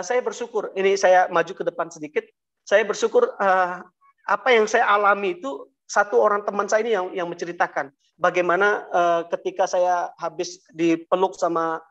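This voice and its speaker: A man telling his personal testimony to an audience, talking haltingly with many fillers and restarts and often addressing them directly. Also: high voice, steady tone, fairly bright tone, muffled recording. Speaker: guest giving a testimony. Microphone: video call.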